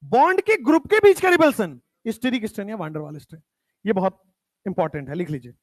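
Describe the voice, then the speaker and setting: A man teaching chemistry in a lecture, stressing key terms and repeating them, his voice dropping low whenever he states a definition. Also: big pitch swings, normal speed, no echo. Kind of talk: classroom lecture.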